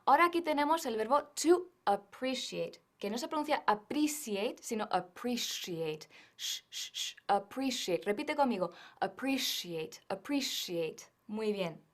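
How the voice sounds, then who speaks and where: A woman giving a scripted English lesson, modelling phrases slowly and carefully. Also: mid-range voice. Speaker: English teacher.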